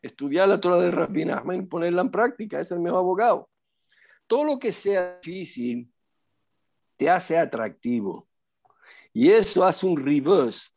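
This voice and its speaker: Emphatic preaching rabbi, higher-pitched man. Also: expressive, normal speed, vocal fry, darkish tone. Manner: emphatic, rhetorical questions, preacherly. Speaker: rabbi teaching. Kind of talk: religious lesson.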